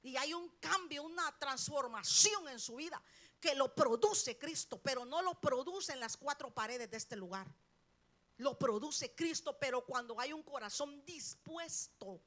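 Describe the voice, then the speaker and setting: A middle-aged woman preaches from the pulpit, her voice high and bright with a sharp edge. She presses her points hard, jumping from loud emphasis to hushed lines. She keeps turning to the congregation with questions. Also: animated, unhurried. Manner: emphatic, swings between loud peaks and quiet drops, rhetorical questions. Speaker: preacher, pastor's wife. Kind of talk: sermon. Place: church sanctuary.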